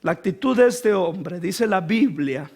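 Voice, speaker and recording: A male pastor delivering a sermon, building to fervent shouts and asking the congregation rhetorical questions. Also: high-pitched, animated, a little slow, vocal fry.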